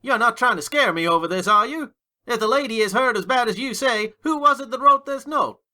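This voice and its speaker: A man's voice: extremely high pitch, expressive, brisk, sharp tone, exaggerated voice. A man playing a hot-tempered, defiant American gangster in a dramatic audiobook reading, with slangy, emphatic delivery. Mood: agitated, suspicious.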